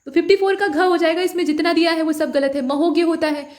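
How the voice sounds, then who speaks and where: A woman's voice: very high-pitched, fairly even intonation, fast, a little mellow. A woman working through mock test answers as a tutor, patient and step by step, often asking listeners for the answer. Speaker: Hindi exam tutor.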